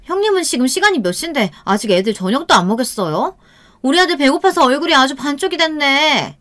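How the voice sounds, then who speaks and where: A woman voicing a rude, arrogant younger sister-in-law who sneers and scolds in a high, shrill voice. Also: animated, fast, a bit bright. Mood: sneering.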